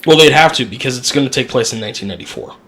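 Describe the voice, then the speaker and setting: A man co-hosting a casual podcast, his voice hoarse and rough from a cough that won't go away. He rants with sarcasm and keeps up a steady middle pitch. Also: very fast. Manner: ranting, sarcastic. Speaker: podcast co-host. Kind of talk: casual chat.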